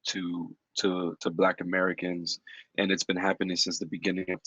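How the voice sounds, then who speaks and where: A man's voice: low voice, flat delivery, normal speed, sharp tone, slightly rough, dry recording, rough recording. A man hosting a podcast, talking loosely with frequent ums and casual swearing. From Dominican heritage. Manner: loose, profane, thinks aloud with many ums. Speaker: podcast host. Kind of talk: casual chat.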